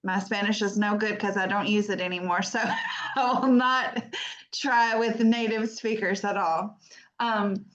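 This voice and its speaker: A woman's voice: medium pitch, steady tone, unhurried, fairly bright tone. An American woman in her fifties giving an informal online talk from home as a guest speaker, chatty and self-deprecating. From United States. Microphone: video call. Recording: dull lo-fi video call audio.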